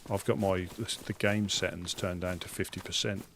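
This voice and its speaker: A man with a Suffolk accent chatting casually on a live game stream, rambling and hesitant, often halting mid-sentence. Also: low-pitched, fairly even intonation, a bit bright, slight background noise. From Suffolk, England.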